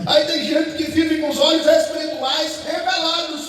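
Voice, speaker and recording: High-voiced pastor preaching. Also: male voice, flat delivery, moderate pace, fairly bright tone. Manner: emphatic, repetitive rhetorical questions. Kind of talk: sermon. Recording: echoey hall, distant mic, faint noise.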